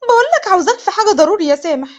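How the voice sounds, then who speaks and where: ست بتمثل بنت مصرية متوترة بتترجى، صوت حاد. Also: female voice, sits high, expressive, quick pace, a little mellow. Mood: pleading. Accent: Egyptian. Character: young woman, stubborn bride refusing her cousin.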